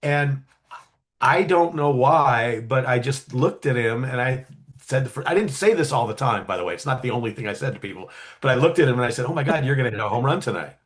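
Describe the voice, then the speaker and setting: A man telling a story casually in an interview, animated, with many fillers and quick acted-out quotes. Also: mid-range voice. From California, USA. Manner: animated, acts out quoted voices, frequent fillers. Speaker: guest storyteller.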